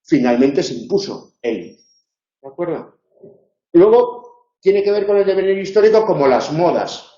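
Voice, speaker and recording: A man's voice: high voice, big pitch swings, moderate pace, dark tone. A man from giving a university tutorial lecture, explaining patiently and checking in with his listeners. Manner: explanatory, with frequent "eh" and "¿vale?" check-ins. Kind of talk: live online tutorial lecture. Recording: echoey room, dull lo-fi sound.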